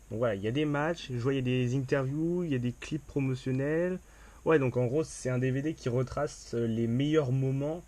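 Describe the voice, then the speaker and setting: A man's voice: medium pitch, darkish tone. Chatty man unboxing on camera. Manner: chatty, many fillers and restarts; upbeat enthusiasm. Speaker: unboxing vlogger. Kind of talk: casual unboxing commentary.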